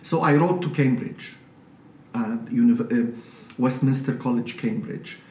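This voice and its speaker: A man from Syria with a Syrian accent, a priest talking as an interview guest in a measured, explanatory way with frequent restarts. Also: medium pitch, dark tone. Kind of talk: conversational interview. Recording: roomy, slightly distant mic with faint noise.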